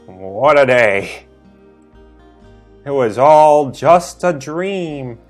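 Slow-talking joking gamer guy. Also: mid-range voice, lively intonation, soft background music. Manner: joking, rambling, wisecracking. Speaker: let's play gamer. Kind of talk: casual gameplay commentary.

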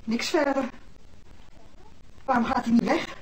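A woman's voice: a little high, fairly even intonation, a little slow, a little hiss or hum, close to an everyday voice, rough recording. An actress playing Lies, a curt, distrustful woman guarding her companion in a radio play. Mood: wary. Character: suspicious, protective woman Lies.

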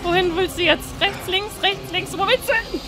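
A woman's voice: very high-pitched, normal speed, over music. A woman giving casual let's-play commentary, chatty and jumpy, pleading and squealing when scared. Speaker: gaming streamer.

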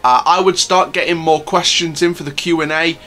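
Bright-voiced man hosting a theme park channel. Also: fairly high pitch, fairly even intonation, brisk, faint music behind. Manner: chatty, enthusiastic fan talk addressed to viewers. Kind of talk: casual news commentary.

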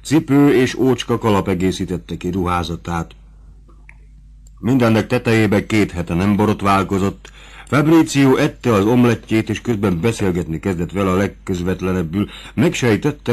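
A man narrating a classic novel as an audiobook in a measured, even manner. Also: low voice.

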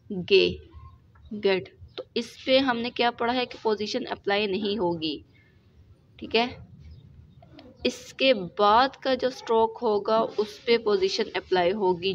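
A woman with a Pakistani Urdu accent teaching shorthand in a recorded lesson, going slowly step by step and checking in with the class after each point. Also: fairly high pitch. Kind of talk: recorded lesson explaining examples. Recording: dull lo-fi recording with faint noise.

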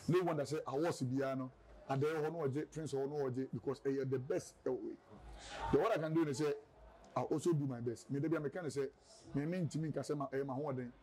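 A man's voice: medium pitch, fairly even intonation, a little fast, dark tone, poor audio. A man with a Ghanaian accent, a radio presenter, telling his story in a casual interview and rambling between a local language and English.

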